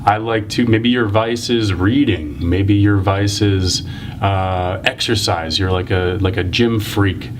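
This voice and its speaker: A man in his thirties interviewing someone in an elevator, teasing and playful with rapid questions. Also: on the low side, a little hiss or hum. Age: 30s. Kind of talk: casual interview.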